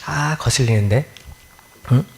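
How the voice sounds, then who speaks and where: A man's voice: mid-range voice, measured pace, vocal fry. A middle-aged man giving a conversational dharma talk as a minister, often questioning his listeners and acting out everyday grumbles. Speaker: Won-Buddhist minister.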